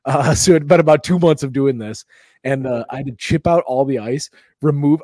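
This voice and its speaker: A man on a podcast, chatting casually and telling rambling, animated stories. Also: mid-range voice, dry recording, clean studio sound. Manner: rambling, animated storytelling with put-on voices. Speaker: podcast host. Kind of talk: casual chat.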